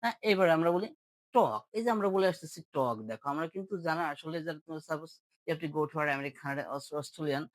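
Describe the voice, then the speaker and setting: A man's voice: a little high, quick pace, dry recording, rough recording. A man, teaching English pronunciation in an online lesson and drilling words for viewers to repeat after him.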